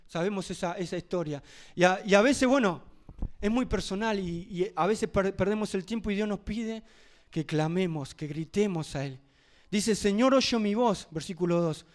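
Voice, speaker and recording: A man preaching a sermon, addressing the congregation with rhetorical questions and swinging from loud emphasis to hushed asides. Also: high-pitched.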